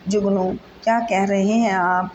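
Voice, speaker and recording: A devoted young wife, coaxing and pleading with her upset husband, as a woman reads her. The pitch barely moves. The recording is a little muffled, with faint noise behind it. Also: fairly even intonation, darkish tone, close to an everyday voice.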